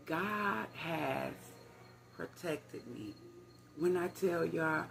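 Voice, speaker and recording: A woman's voice: deep voice, slight background noise. An older woman, chatting to her viewers in a rambling storytime vlog recorded on her phone. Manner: rambling, conversational, addresses viewers as y'all. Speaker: vlogger.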